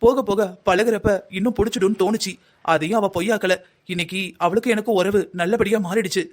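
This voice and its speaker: A man's voice: high-pitched, fast. A man voicing a worried middle-aged mother in a Tamil cartoon drama, talking earnestly at length. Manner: earnest, lecturing.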